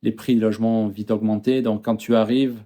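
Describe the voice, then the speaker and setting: A man's voice: fairly low pitch, little pitch movement, a little fast, warm tone. A man from France in his thirties, talking casually as an interview guest, hesitant with many fillers and restarts.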